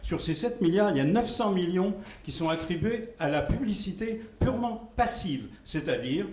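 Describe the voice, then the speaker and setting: A man speaking at a conference question period, making a deliberate, argumentative point with fillers. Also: high voice, expressive, darkish tone. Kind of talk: Q&A discussion. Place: conference hall. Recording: echoey hall with faint noise.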